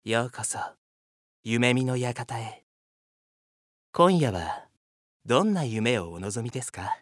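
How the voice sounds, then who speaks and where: A man playing a creepy, courteous butler of a sinister dream mansion, speaking in slow, ominously polite phrases. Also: medium pitch, expressive, no room sound, clean studio sound. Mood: sinister, inviting. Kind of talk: theatrical character voice sample.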